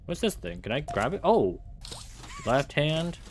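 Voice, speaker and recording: A man's voice: a little high, sing-song, measured pace, a little hiss or hum. A young man casually talking through a horror game, reading signs aloud and reacting with startled outbursts. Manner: chatty, reacts with startled exclamations. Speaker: gaming channel host. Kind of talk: horror game let's play commentary.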